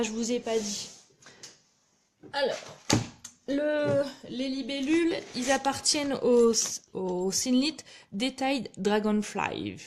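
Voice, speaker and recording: Woman, fairly high voice, chatty, talks straight to viewers, live craft demo. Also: a little mellow, slight background noise. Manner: chatty, addresses viewers directly; self-deprecating, apologizes often. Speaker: craft demonstrator.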